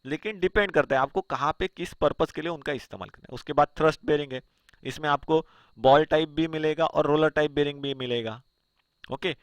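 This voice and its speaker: A man gives an explanatory engineering lecture over slides, posing rhetorical questions and answering them himself. His smooth voice is a little high, and the recording is dry.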